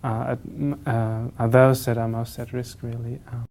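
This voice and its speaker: A man's voice: mid-range voice, flat delivery, normal speed, gravelly, a little mellow. A man giving an earnest advocacy statement, hesitant, with many fillers.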